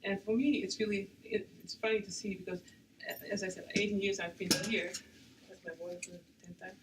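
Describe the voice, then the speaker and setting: A panelist from the Netherlands speaking English in a reflective, quiet way that often trails off into near silence. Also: medium pitch, fairly even intonation, a little fast. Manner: quiet, trails off and drops in volume. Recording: distant mic with faint background noise.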